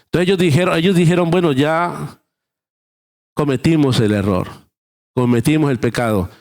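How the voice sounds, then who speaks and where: Guy pastor giving a sermon, gravelly low-edged voice, tells little stories and plays out the dialogue. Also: normal speed, a little mellow. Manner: preaching with everyday illustrations, acting out dialogue.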